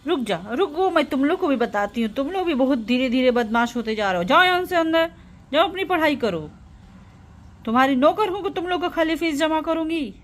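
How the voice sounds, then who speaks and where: Woman doing a harsh nagging mother, doll-play storybook, high voice, shouting insults. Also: animated, fairly quick, hardly any pauses. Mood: scolding. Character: harsh scolding village mother favoring her son.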